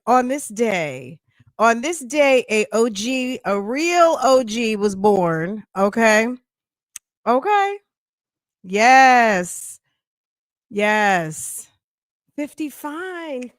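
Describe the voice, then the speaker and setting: A sassy woman in her fifties chats slowly and playfully with her livestream viewers. Her voice sits a little high, and the close, dry recording has almost no room sound. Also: no echo. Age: 50s. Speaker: podcast host. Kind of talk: casual livestream chat.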